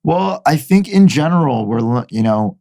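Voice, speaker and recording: A man with a hoarse, raspy voice he is losing, joking around as a doctor co-hosting a casual podcast chat. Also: a little high, normal speed, dry recording, studio quality. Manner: joking, relaxed.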